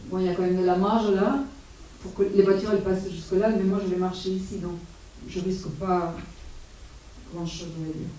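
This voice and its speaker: A woman's voice: medium pitch, dark tone. Chatty woman in an echoey hall. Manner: chatty, hesitant, many fillers and restarts. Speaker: speaker giving a travel talk. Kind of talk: informal slideshow talk about a solo walking pilgrimage. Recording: very echoey room, voice far from mic.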